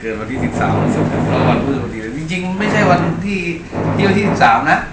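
A man's voice: high voice, big pitch swings, fast, far from the mic. A man talking casually with family while being filmed on an amateur home video. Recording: very noisy, echoey home video.

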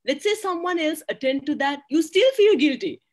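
A woman in her thirties speaks as a panelist over a laptop webcam in a small curtained room. Her voice sits a touch high. She talks earnestly, leaning on "you know" and "right?" as she makes her points. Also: expressive, normal speed, darkish tone. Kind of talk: panel discussion on a video call. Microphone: laptop webcam on a video call.

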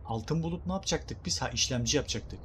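A man's voice: medium pitch, animated, fast talker, fairly bright tone, a little hiss or hum. A young man casually commenting on his gameplay, joking, using slang and talking to viewers and creatures on screen. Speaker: gaming YouTuber. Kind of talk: casual let's play commentary.

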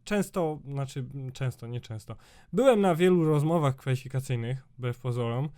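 A man's voice: mid-range voice, lively intonation, normal speed, dark tone, clean tone. A man in his twenties with a sore throat, ranting casually in a vlog, rambling with lots of fillers and swearing. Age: 20s. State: sore throat, slightly changed voice. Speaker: YouTuber.

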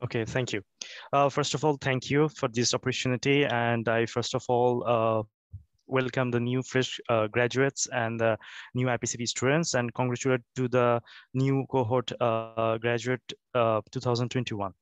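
A man speaks over a video call in a sleepy, jet-lagged voice, stopping often with fillers and restarts. His pitch sits in the middle for a man, and the sound is dry and close. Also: little pitch movement, moderate pace, smooth, dry recording. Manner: hesitant, many fillers and restarts. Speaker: alumni association representative. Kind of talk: remote presentation speech.

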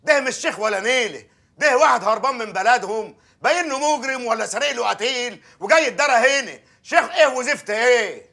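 A man playing a pushy, flirtatious village mayor in a TV drama, speaking with a husky voice. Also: very high-pitched, animated, fast talker, sharp tone, exaggerated voice. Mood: angry. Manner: coaxing, wheedling, then blustering. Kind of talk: television drama acting.

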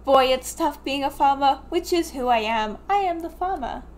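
A weary, folksy farmer dad from a storybook game, put on by a woman. He speaks his homespun lines in a high, unhurried way. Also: expressive, faint music behind. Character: weary hardworking farmer father.

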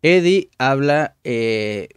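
A man's voice: medium pitch, animated, drawn-out words, clear, resonant tone, dry recording. Chatty man translating app lessons. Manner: chatty, thinks aloud with many fillers. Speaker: channel host playing a language app. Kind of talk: casual commentary with translation.

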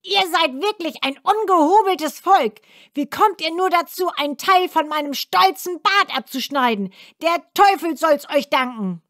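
A woman voicing a rude, impatient ancient male dwarf in a children's storybook reading, yelling and scolding. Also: animated, no room sound, clean studio sound, full character voice. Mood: outraged. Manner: shrill yelling, scolding, rushed.

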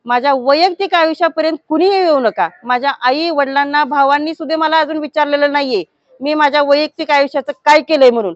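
Indignant high-voiced woman village head. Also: fast talker, no room sound. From Maharashtra. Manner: indignant, forceful complaint. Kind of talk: statement to news media. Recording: dull lo-fi news recording.

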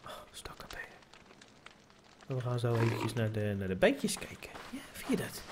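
A man's voice: medium pitch, wildly swooping pitch, moderate pace. A man casually commenting on his survival game, swearing and coaxing an in-game pig in a playful sing-song voice. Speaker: gamer streaming a survival game. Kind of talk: casual let's-play commentary. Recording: noisy home setup.

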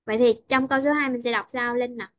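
A woman's voice: a little high, fairly even intonation, fast talker, fairly bright tone, dry recording, lo-fi sound. A woman English teacher with a Vietnamese accent, patiently explaining word and sentence stress in an online lesson.

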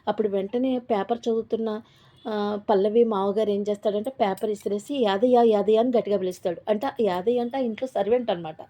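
A woman's voice: medium pitch, steady tone, fast, warm tone. A woman casually retelling a TV serial episode, quoting the characters' lines in her own plain voice, with frequent fillers and self-corrections. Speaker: TV serial recap narrator. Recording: slightly dull lo-fi audio.

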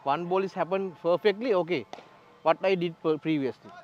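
At outdoor cricket nets on a training ground, a Sri Lankan man coaches bowlers with brief, blunt directions in broken English, laughing frequently. He speaks a little fast in a high-pitched voice. The clip-on mic audio is lo-fi, with faint music in the background.

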